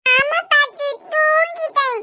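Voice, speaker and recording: A woman doing a squeaky little cartoon girl with a Kanyakumari accent. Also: fairly even intonation, takes it slowly, pushed and bright, slight background noise, heavily acted. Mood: innocent. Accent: Kanyakumari Tamil. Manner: childish, pleading. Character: small girl, innocent, clingy, easily tearful.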